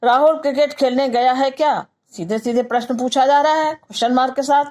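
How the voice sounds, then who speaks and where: A woman with a Hindi accent teaching grammar in a patient lecture, saying example sentences slowly and then explaining each one. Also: sits high, a little mellow.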